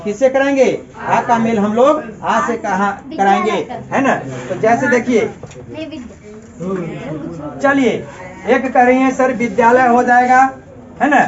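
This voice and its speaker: A man's voice: very high-pitched, steady tone, a little slow, a crowd in the background. A man teaches a class, firing questions at his students and drilling each answer again and again. The recording sounds dull and lo-fi, with a room full of students audible around him. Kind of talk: classroom Hindi grammar lesson.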